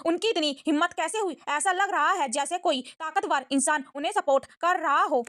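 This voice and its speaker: A woman's voice: extremely high pitch, normal speed, fairly bright tone, no room sound, clean studio sound. A woman voicing a vain, self-assured young noblewoman in a recap of a comic, breezy and teasing.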